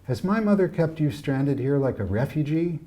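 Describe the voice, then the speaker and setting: A man's voice: on the high side, very animated, moderate pace, mellow, a little hiss or hum, voice pushed up. A man voicing a confident, teasing upper-class girl of about twenty, talking with breezy eagerness.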